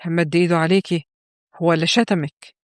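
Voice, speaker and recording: A woman's voice: fairly low pitch, fairly even intonation, normal speed, dry recording, studio quality, lightly acted. A woman voicing a blustering, jovial middle-aged father who scolds and exclaims, in an Egyptian accent. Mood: scolding. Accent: Egyptian Arabic.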